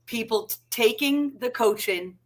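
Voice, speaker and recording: Co-hosting a casual video-call chat, a woman with a Massachusetts accent speaks a little slowly in a fairly high voice. She's chatty and warm, often looking for agreement with a quick "right?".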